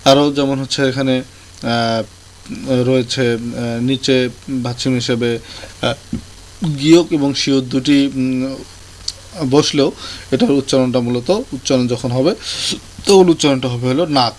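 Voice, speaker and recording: A man explaining a language lesson in a tutorial, pausing often with fillers and restarting his sentences. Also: medium pitch. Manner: hesitant, many fillers and restarts. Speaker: language teacher. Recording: faint background noise.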